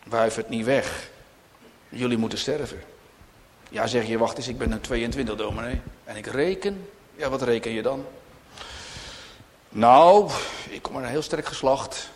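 A man preaching a sermon as pastor, fervently pleading, dropping to hushed whispers and rising to loud cries. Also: medium pitch, measured pace, pauses often. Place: church. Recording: long reverb of a large hall.

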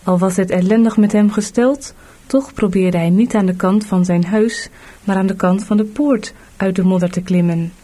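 A woman narrating a storybook audiobook in a measured, clear reading. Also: mid-range voice, steady tone, warm tone.

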